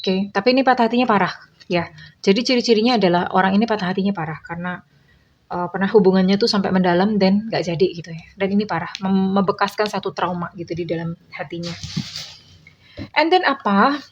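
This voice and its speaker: A woman reads tarot for her viewers in a loose, chatty way, wandering between points and filling pauses as she goes. Her voice sits at an ordinary middle pitch. The recording sounds a little dull and lo-fi. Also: a little hiss or hum. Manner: chatty, meandering, many fillers. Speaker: tarot reader. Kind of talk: casual tarot reading to viewers.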